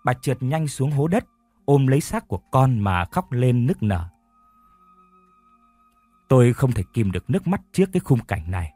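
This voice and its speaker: A man narrating a sad story in the first person in a sorrowful, steady way. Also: medium pitch, moderate pace, long pauses, dry recording, soft background music. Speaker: audiobook narrator.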